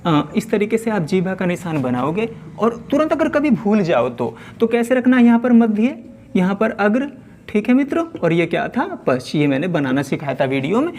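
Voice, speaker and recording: A male teacher walks viewers through exam questions one by one and keeps quizzing them as he goes. His pitch swings widely, high on the questions and low on the answers. A faint noise sits under the recording. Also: sing-song, moderate pace, darkish tone. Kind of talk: exam-prep lesson.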